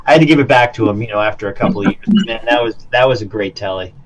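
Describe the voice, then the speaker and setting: A man co-hosting a casual chat, jokey and quick to laugh. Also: lowish voice. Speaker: co-host. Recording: distant mic with crowd noise.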